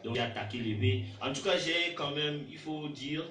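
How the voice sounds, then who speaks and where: As a guest rapper on a radio interview, a Togolese man speaking French with a Togolese accent gives relaxed, colloquial answers at normal speed in a fairly high-pitched voice. The distant mic captures an echoey room, faint music and background noise.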